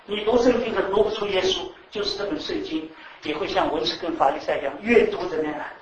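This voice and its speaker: A man preaching to a class, animated, repeating words and quizzing the audience. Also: high-pitched, quick pace, highs cut off. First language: Chinese. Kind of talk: sermon to a class. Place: teaching room with live audience. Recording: echoey room, mic at a distance.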